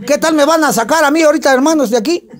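High-voiced preacher quizzing his flock. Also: very fast. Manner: emphatic questioning of the congregation. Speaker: pastor. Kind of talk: sermon.

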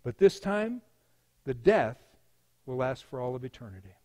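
A pastor preaching a sermon, emphatic, swinging between loud declarations and hushed lines. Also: male voice, mid-range voice, very animated, moderate pace.

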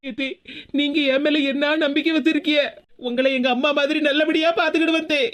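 A woman voicing an apologetic young daughter-in-law with a Tirunelveli Tamil accent in an animated cartoon. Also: sits high, brisk. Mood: pleading. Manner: pleading, apologetic.

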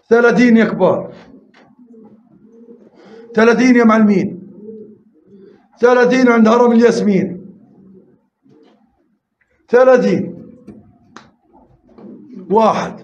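A man runs a pigeon auction on a live stream, counting bids rapidly and coaxing viewers to join. The audio is roomy and slightly muffled, with faint noise and pigeons cooing behind him. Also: high voice.

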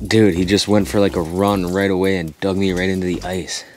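Deep-voiced excitable fishing vlogger. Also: male voice, brisk, faint music behind. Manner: excitable, talks to viewers while reeling in fish. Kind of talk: excited play-by-play vlog. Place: inside an ice-fishing tent. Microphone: action camera mic.

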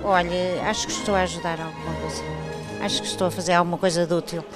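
A modest older woman with a European Portuguese accent and a lowish voice. She answers into a handheld mic in a big hall, with loud music running beneath. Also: steady tone, fast talker. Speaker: volunteer. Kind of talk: interview. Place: large indoor hall with clothing stalls. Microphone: handheld reporter mic.

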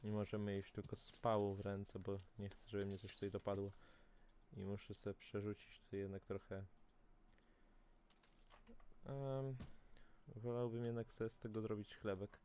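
A man's voice: on the low side, level tone, normal speed, pauses often, mellow, slight background noise. A man hosting a gaming channel, giving casual let's-play commentary, chatty and talking straight to his viewers with frequent self-corrections.

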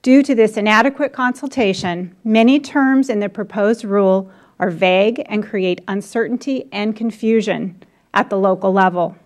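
A woman, a county commissioner from the United States, reading formal testimony at a congressional hearing in a measured, deliberate manner. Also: mid-range voice, a little mellow. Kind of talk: formal testimony read from prepared remarks.

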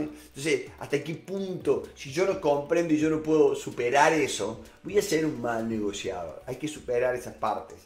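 Casting: middle-aged Rioplatense-accented man, negotiation coach, mid-pitched, echoey room, faint music. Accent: Rioplatense Spanish. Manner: many fillers, repeats words, rhetorical questions. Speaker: negotiation expert and author. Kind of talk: motivational talk to camera.

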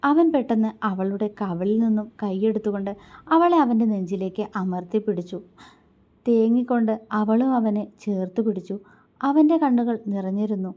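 Hushed woman reading a romance story. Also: medium pitch. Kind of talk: scripted romance narration.

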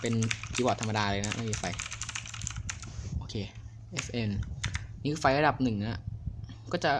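A young man casually reviewing a mechanical keyboard, chatty and excitable, a little crude. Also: medium pitch, moderate pace, noisy background. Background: clicky keyboard typing.

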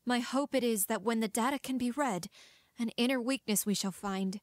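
Woman playing proud Princess Leia, higher-pitched. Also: normal speed, no room sound, close to an everyday voice. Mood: sharp, earnest. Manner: formal archaic verse, biting. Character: proud, sharp-tongued young princess and rebel.

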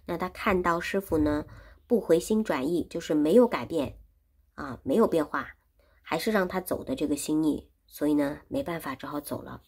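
A woman's voice: deep voice, moderate pace, darkish tone, slightly rough. A woman teaching Chinese who retells a classic story in simple words and repeats and explains each phrase. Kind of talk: storytelling lesson.

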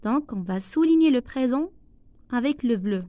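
A woman teacher with a Moroccan accent, going slowly through a worksheet lesson, repeating each phrase and translating it into Arabic. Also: on the high side, expressive, dark tone, no echo. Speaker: primary school teacher.

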